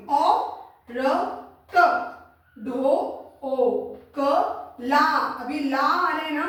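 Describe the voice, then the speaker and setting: High-voiced woman teaching in an echoey room. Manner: patient, repeats sounds slowly and checks in often. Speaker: Hindi teacher. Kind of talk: classroom-style explanation. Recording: roomy echo, voice from a distance.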